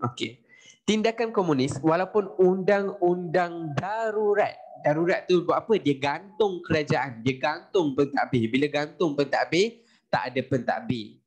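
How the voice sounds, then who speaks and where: Male history tutor, Malaysian Malay accent, online class, lively questioning style, slightly higher voice. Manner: lively, asks students questions, mixes in English.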